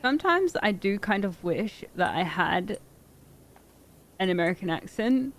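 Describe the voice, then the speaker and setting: A woman's voice: mid-range voice, sing-song, a little slow. Chatty young Englishwoman from the south. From southern England. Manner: chatty, laughs often, says "like" a lot. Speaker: streamer host. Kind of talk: casual chat.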